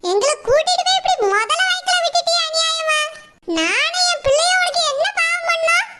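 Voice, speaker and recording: A woman with a southern Tamil Nadu dialect voicing a fierce, protective village mother in a cartoon, high and shrill. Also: brisk, pushed and bright, a little hiss or hum. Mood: scolding. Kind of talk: cartoon voice acting.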